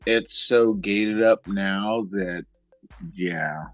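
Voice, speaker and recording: A man from the San Diego area hosting a casual chat, telling stories in a relaxed, rambling way. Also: lowish voice, very slow, dry recording, highs cut off, soft background music. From San Diego area, United States. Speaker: host.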